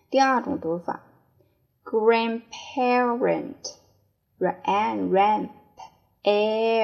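Slow, gravelly woman drilling vocabulary. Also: medium pitch, a little mellow. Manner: spells words letter by letter, repeats each word, then gives the meaning. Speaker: English teacher. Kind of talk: vocabulary spelling and dictation drill.

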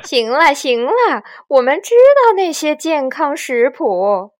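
A woman voicing a boastful male weasel bandit chief who jeers loudly at the hens, for a children's story. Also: high voice, very animated, takes it slowly, voice pushed up, full character voice. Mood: mocking. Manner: loud, gloating and jeering.

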